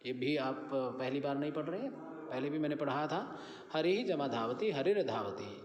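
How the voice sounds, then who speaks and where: A man's voice: on the high side, animated, moderate pace, noisy background. A man teaching a grammar lesson, patiently explaining rules step by step and repeating examples, recorded on a phone from a screen. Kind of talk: classroom lecture recorded from screen. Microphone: screen recorder, phone mic. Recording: echoey room with long reverb and faint ambience.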